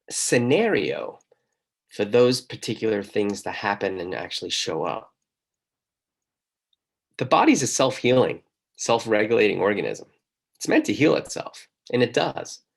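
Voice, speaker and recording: Male host, low gravelly voice, emphatic questioning monologue. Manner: emphatic, asks the listener many questions. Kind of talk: motivational monologue.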